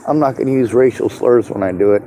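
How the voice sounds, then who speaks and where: A man's voice: mid-range voice, fast, mellow. A man with a Southern-sounding drawl and toothless, slightly slurred speech, chatting casually in a blunt, rambling way full of swearing. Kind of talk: casual street conversation. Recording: clearly noisy outdoor recording with vehicle sounds.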